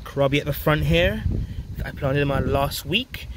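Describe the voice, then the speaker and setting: This is a man in his thirties with a slightly high voice and a moderate pace, a vlog host who gardens on an allotment. Outdoors on his plot, he gives viewers a casual, enthusiastic update, talking emphatically into a handheld phone at close range, while outdoor ambience and traffic noise run underneath.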